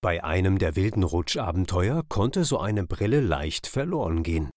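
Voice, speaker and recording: A man narrating a children's story with lively, expressive storytelling. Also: sits low, normal speed, dry recording, clean studio sound.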